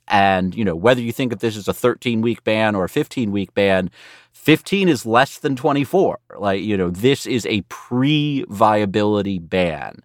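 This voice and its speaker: American guy legal reporter, lowish voice, dry close mic, breaking stuff down emphatically. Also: no room sound. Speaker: legal correspondent. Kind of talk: explanatory interview talk.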